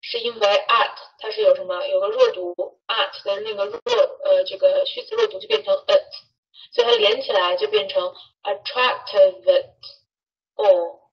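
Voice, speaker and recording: A woman English teacher in a recorded lesson, lively, demonstrating phrases slowly. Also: medium pitch. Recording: dull distant playback.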